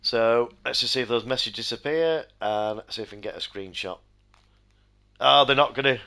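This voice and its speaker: A middle-aged man hosts and commentates a sim racing live stream, his voice hoarse and nearly gone. Mid-range in pitch and moderate in pace, he alternates between excited play-by-play and rambling chat with viewers.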